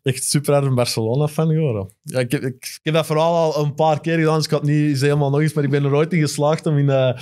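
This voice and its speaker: A man's voice: a little high, quick pace, few pauses. A man with a Flemish accent telling a funny anecdote as a guest on a casual talk show, laughing often. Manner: lively storyteller, laughs often.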